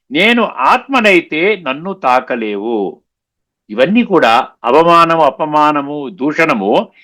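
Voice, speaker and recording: A man giving a spiritual discourse, explaining patiently, slowing down on key sayings and often checking that listeners understood. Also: a little high, pushed and bright. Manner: mixes English words into his talk; repeats and slows down on key sayings. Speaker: spiritual lecturer.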